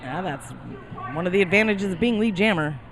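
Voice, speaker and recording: A woman's voice: medium pitch, a little fast. A woman giving color commentary at a roller derby bout, chatty and upbeat, with a self-deprecating streak. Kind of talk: live sports commentary.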